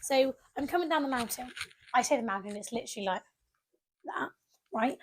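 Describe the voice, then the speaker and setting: A woman's voice: fairly high pitch, lively intonation, brisk. A young woman, co-hosting a podcast and telling a story with lots of acted-out quotes. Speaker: podcast co-host. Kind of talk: casual chat.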